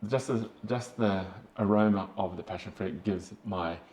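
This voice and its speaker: A man's voice: on the low side, normal speed, noisy background. A man with an Australian accent co-hosting a casual podcast chat, talking in a loose, chatty way with fillers and easy laughter. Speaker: podcast co-host. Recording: echoey room.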